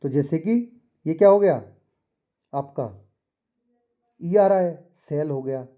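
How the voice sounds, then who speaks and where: A male teacher going through a textbook chapter for exams, reading the English lines slowly and explaining them in Hindi, often checking with the pupils. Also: a little high, dark tone. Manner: often asks the pupils "ठीक है?". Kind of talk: exam-prep lesson explaining a textbook chapter.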